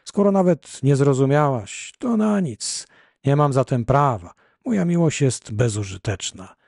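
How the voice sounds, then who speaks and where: A man's voice: mid-range voice, animated, measured pace, creaky, a little mellow, dry recording. A man reading an audiobook, voicing a heartbroken, weary husband who begs his wife to stay. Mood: imploring. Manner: imploring, weary. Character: heartbroken ill husband, desperate.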